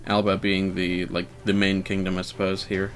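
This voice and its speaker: Rambling low-voiced man playing a game. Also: monotone, moderate pace, slight background noise. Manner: rambling, hesitant, lots of fillers; self-deprecating and wry. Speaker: let's player. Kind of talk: casual gameplay commentary.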